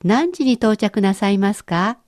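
Woman teacher doing a language lesson, clear and encouraging, dry close sound. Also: mid-range voice, expressive, a little mellow, no room sound. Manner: clear, encouraging, explains slowly.

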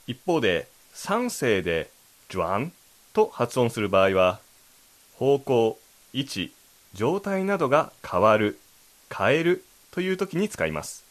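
A man's voice: mid-range voice, sing-song, a little slow, a little hiss or hum. A man co-hosting a language lesson, explaining and rephrasing lines in a polite, explanatory manner. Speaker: co-host.

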